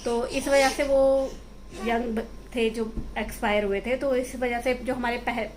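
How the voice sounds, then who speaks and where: A woman's voice: fairly high pitch, steady tone, measured pace. A young woman from India, chatting casually in a family vlog and cooing to her toddler. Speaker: family vlogger. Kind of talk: casual home vlog chat. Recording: noisy home ambience.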